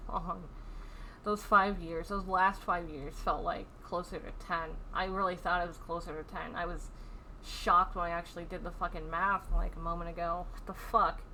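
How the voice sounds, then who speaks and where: Stressed and upset, a woman vlogs candidly about a painful personal episode, swearing heavily, sighing frequently and rambling with fillers. Her voice is lowish, pushed and bright. There's a little hiss or hum.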